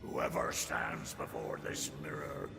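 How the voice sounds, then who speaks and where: Gravelly, gruff old sea captain. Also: male voice, rumbling low, huge pitch swings, music in the background, heavily acted. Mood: ominous, secretive. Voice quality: gravelly, breaking into hoarse whisper. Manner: gruff old sea dog, slow ominous theatrical delivery. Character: scheming old pirate captain leaving a cryptic warning. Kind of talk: scripted dramatic game voice acting.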